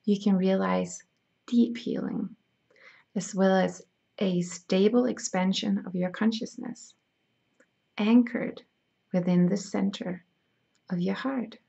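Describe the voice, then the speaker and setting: A spiritual healer whose first language is Danish reads a slow guided meditation, soft and soothing, drifting into whispers. Her mid-range voice is husky-edged, gravelly and gentle, with fairly even intonation. The sound is dull and lo-fi.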